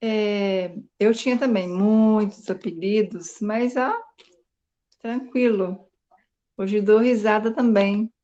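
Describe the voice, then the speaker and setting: A woman reflecting slowly in casual chat on a video call. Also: mid-range voice, fairly even intonation, mellow, muffled recording. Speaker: group participant.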